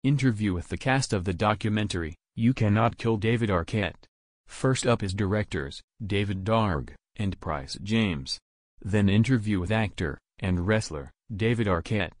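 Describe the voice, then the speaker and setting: A synthetic male voice acting as podcast co-host, reading lines in a flat, stiff computer manner. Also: on the low side, normal speed, dry recording. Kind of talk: scripted synthetic readout.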